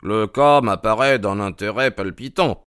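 A man's voice: on the low side, smooth, dry recording, clean studio sound. Man voicing Sherlock Holmes, keen and probing. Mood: intrigued. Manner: quick, questioning, excited interjections. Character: keen, probing male detective, eager and precise. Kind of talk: audiobook character reading.

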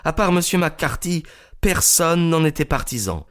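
A man's voice: on the high side, sing-song, unhurried, voice pushed up. A man voicing an agitated young woman in a storybook reading, pleading urgently in a raised voice. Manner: pleading, breathless insistence.

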